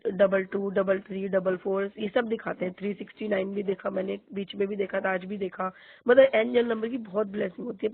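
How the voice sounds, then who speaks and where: A middle-aged woman speaks to a congregation in a devotional testimony. Her sore throat leaves her voice husky and gravelly, and she says things twice for emphasis. The sound is tinny, phone-like and dry. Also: mid-range voice, no echo. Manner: earnest, repeats phrases for emphasis. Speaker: devotee sharing a spiritual experience.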